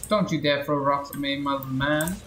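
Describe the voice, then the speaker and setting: Streaming a game, a young man talks in a mid-range, a bit bright voice with fairly even intonation at a normal speed. His chat is casual, laid-back and a touch hesitant, set against game music in a roomy, echoey space.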